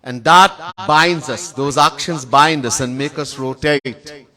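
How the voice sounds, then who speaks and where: A man with a Trinidadian accent giving a sermon as a swami in a temple, chanting Sanskrit verses slowly in a sung tone between plain teaching. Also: medium pitch, bright, forceful tone. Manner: lists words in long spoken series. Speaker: swami giving a spiritual discourse.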